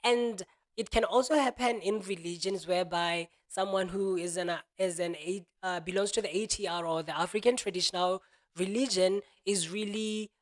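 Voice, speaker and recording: A self-help speaker from Botswana muses in a reflective spoken monologue, leaning heavily on "you know" and acting out imagined voices in quotes. His voice is high-pitched and steady, at normal speed.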